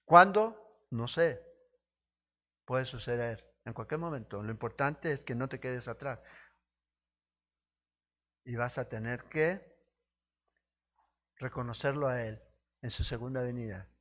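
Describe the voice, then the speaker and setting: Man preaching a sermon, gets fired up then goes quiet, asks the crowd questions, kinda muffled lo-fi sound. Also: slow pace, long pauses. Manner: impassioned preaching, rising to emphatic peaks then dropping low; speaks directly to listeners with rhetorical questions. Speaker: pastor.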